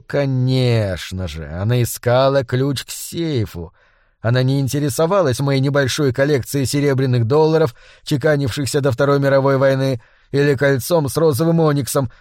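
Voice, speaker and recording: A man narrating a first-person novel as an audiobook, in a measured, restrained manner. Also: medium pitch, darkish tone, no room sound, studio quality.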